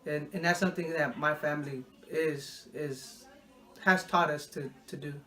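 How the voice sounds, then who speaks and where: A young man from Mexico answering interview questions in a casual, halting way, often repeating words while he thinks. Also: fairly high pitch, steady tone, pushed and bright.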